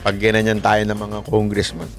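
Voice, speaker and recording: A man's voice: on the low side, completely flat delivery, normal speed. A man giving sarcastic, mocking political commentary in a casual vlog, often laughing and asking his viewers questions, with music playing underneath.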